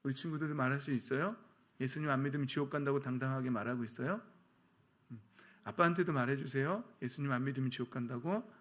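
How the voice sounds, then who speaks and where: Animated pastor acting out voices. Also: male voice, medium pitch, quick pace. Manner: animated, acts out voices of characters in the story. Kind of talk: sermon.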